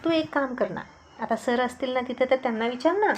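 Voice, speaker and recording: Casual young classmate on a call, read by a woman narrator, high-set, faint hiss. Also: brisk, lightly acted. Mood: friendly. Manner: friendly, casual. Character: young male classmate, helpful but unsure.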